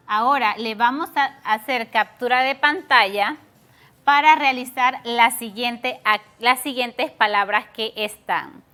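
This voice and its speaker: Female teacher, TV lesson for kids; patient, stretches words; high, bright tone. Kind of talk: televised class for schoolchildren.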